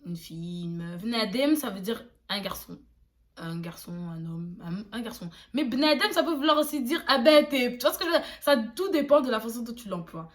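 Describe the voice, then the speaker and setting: A woman's voice: a little high, expressive, normal speed. A young woman from Belgium speaks in a casual vlog. Her delivery is loose and slangy, full of asides to her viewers. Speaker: YouTuber.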